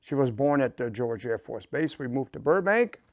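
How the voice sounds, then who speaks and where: A man's voice: medium pitch, very animated, normal speed, no room sound, dull audio. A man in his seventies, from Canada and raised in Massachusetts, telling his life story as an interview guest in a rambling, folksy way, seated in a studio. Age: 70s. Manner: rambling, folksy anecdotes with restarts. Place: indoor studio set, seated.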